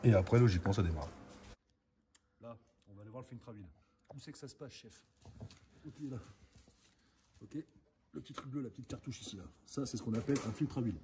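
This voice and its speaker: A man's voice: mid-range voice, fast talker, long pauses. A man, giving a chatty, casual how-to on car repairs in a garage, full of filler words. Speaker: amateur mechanic host. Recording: noisy garage recording.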